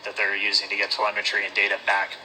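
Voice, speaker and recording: A man giving live launch commentary in a measured, explanatory way as a webcast host. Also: on the low side, monotone, bright, forceful tone, a little hiss or hum, poor audio.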